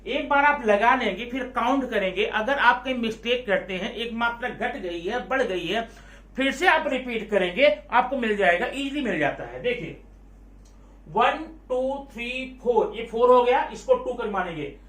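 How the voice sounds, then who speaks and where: A man's voice: very high voice, lively intonation, moderate pace, a bit bright. A man teaching a Hindi grammar lesson, repeating each point and quizzing his students, with numbers counted in English. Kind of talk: classroom lesson explaining Hindi verse meter. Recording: echoey room, voice from a distance.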